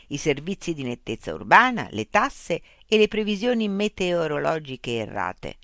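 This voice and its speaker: A narrator reading a science fiction story as an audiobook in a calm, even way, close to the mic. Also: medium pitch, dry recording.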